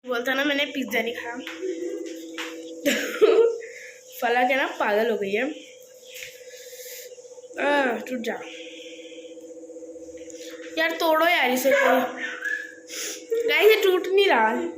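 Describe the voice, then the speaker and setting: A high-pitched young woman chats playfully to her viewers as a home vlogger, with a giggly, teasing manner. Her voice carries in an echoey room with steady background noise. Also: slow, long pauses. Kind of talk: casual home vlog.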